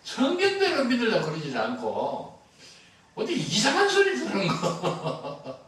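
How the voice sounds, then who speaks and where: With a high, fairly bright voice that swoops wildly in pitch, an older man delivers a sermon a little slowly, acting out dialogue in funny stories as pastor. The sound carries the echo of a church sanctuary, picked up from afar.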